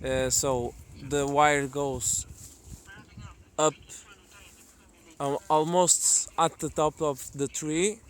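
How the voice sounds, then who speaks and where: A man's voice: a little high, little pitch movement, clean tone. A man who is not a native English speaker gives a casual, hesitant hobbyist video demonstration outdoors in the countryside. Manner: hesitant, halting delivery. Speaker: amateur radio hobbyist presenting a video. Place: outdoors in the countryside among trees.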